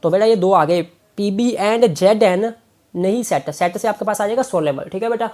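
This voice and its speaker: A man's voice: sits high, normal speed, darkish tone. A male tutor teaching a chemistry exam lesson, coaxing his students and repeating key points. He mixes English terms into his Hindi.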